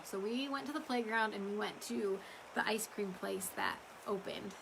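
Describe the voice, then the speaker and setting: Rambling and chatty, a woman who runs a small business talks to customers during a livestream update. Her mid-range voice carries vocal fry and a touch of strain from talking, with background noise behind her.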